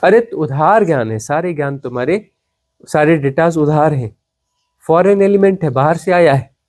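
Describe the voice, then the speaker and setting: A man giving a satsang discourse as a spiritual teacher, emphatic and repetitive, drawing phrases out and letting them sink to a hush. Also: fairly high pitch, lively intonation, normal speed.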